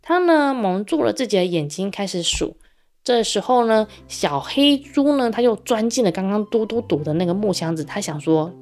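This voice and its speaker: A woman narrating a children's story, gentle and animated, asking young listeners questions. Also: medium pitch.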